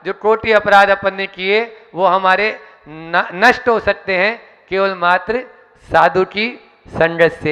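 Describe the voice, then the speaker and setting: Brief: man, high bright voice, rousing sermon, long hall reverb. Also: smooth. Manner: rousing, declamatory, recites verse. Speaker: monk introducing the main speaker. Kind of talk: devotional sermon. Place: large hall, preaching from a stage.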